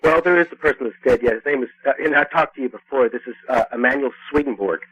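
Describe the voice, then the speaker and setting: A man phoning in as a radio show caller, speaking haltingly and repetitively in an earnest, unscripted debate over the phone. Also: medium pitch, fairly bright tone, a little hiss or hum. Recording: phone call on a talk show.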